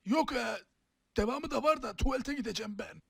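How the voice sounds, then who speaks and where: A man voicing a gruff giant telling a grim tale in a hushed, ominous way for a comic parody film dub. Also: extremely high pitch, animated, fairly quick, no echo, exaggerated voice. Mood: grim, secretive.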